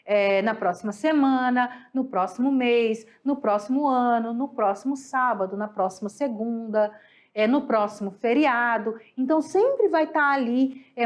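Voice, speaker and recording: A woman with a Brazilian accent teaching a recorded Spanish lesson, patiently drilling pronunciation and asking students to repeat words after her. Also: fairly high pitch.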